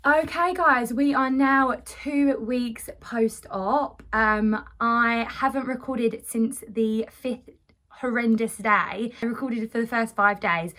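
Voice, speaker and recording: A woman's voice: on the high side, takes it slowly, a bit bright. A woman vlogger recounting her experience in a casual chat to camera.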